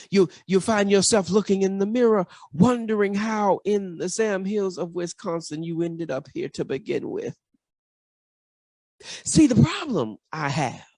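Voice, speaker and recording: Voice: mid-range voice, darkish tone, no echo, clean studio sound. A pastor preaching a sermon, building emphasis through rhetorical questions and repeated phrases. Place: church.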